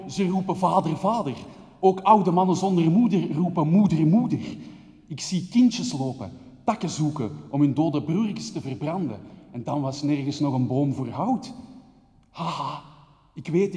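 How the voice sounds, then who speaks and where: A man performs a poetic spoken-word monologue from a theater stage. He pours out long, rhythmic lists of words with intensity. His fairly high voice rings out with the long reverb of a big hall. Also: warm tone. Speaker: theater maker giving a speech.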